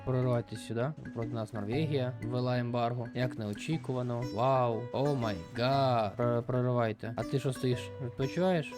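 A man narrating his own strategy game while he is hoarse from a cold. He thinks aloud in a loose, chatty way and drops the odd mild curse. Music plays steadily underneath his voice. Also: medium pitch. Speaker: gaming YouTuber. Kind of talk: casual let's-play commentary. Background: background music.

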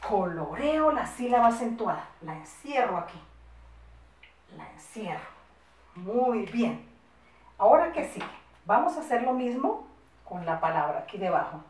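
A woman with a Colombian accent teaching a first-grade class, speaking affectionately with lots of diminutives and slowing down to dictate word by word. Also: mid-range voice, a little mellow, recorded from a distance. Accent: Colombian Spanish. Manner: affectionate, singsong teacher talk with diminutives, slow spelled-out dictation. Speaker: primary school teacher. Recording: echoey room, voice set back from the mic.

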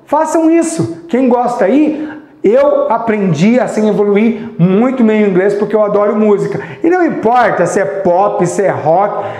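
A Brazilian man teaching English on a live stream, chatty and encouraging, slowly repeating example phrases. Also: high-pitched, expressive, dark tone, echoey room. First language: Portuguese. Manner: sings snippets of songs to teach. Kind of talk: live online English lesson.

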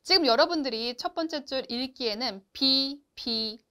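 A woman teaching a beginners' Chinese lesson, explaining clearly and asking the learners to repeat after her. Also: high voice, pushed and bright. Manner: slow, clear instruction with drawn-out model syllables; addresses learners directly and asks them to repeat. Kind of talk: online lesson.

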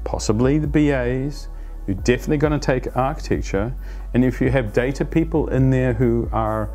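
A man in his fifties explaining a team planning practice to camera as an agile coach, conversational and animated, on a lapel mic in a plain studio. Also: medium pitch, moderate pace, soft background music. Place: plain studio against a light wall.

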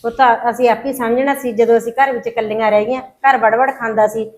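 A woman playing a quick, apologetic mother-in-law, Punjabi accent, slightly high. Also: steady tone, close to an everyday voice. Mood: regretful. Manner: apologetic, pleading. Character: remorseful mother-in-law, middle-aged woman. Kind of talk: Punjabi short film acting.

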